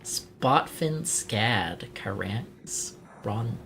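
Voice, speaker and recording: A man's voice: fairly low pitch, expressive, drawn-out words, fairly bright tone, a little hiss or hum. A man from Italy streaming a horror game, reading in-game text aloud and poking fun at himself in casual commentary. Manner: reads in-game text aloud, self-mocking. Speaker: let's play streamer.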